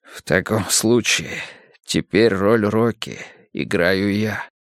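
A man reading an audiobook, voicing a shaken middle-aged psychiatrist who talks tensely and haltingly. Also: fairly low pitch, no room sound, clean studio sound.

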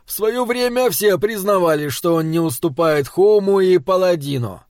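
Guy reading a gruff old ghost scientist, impatient, short grumbles, dry close voice. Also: high-pitched, lively intonation, normal speed, darkish tone, no echo, voice pushed up. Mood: eager. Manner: gruff and terse, then eagerly lecturing. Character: impatient, driven older male parapsychologist.

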